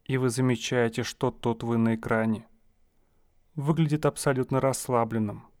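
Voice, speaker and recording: A man guiding a listener through a hypnosis session, speaking in slow, soothing, suggestive phrases. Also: medium pitch, fairly even intonation, a little mellow, dry recording, clean studio sound.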